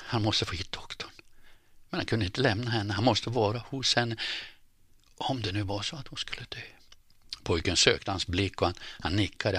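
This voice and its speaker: A man reading a story aloud in measured scripted narration, often dropping to a hushed near-whisper. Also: sits low, husky, no room sound, studio quality. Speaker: audiobook narrator.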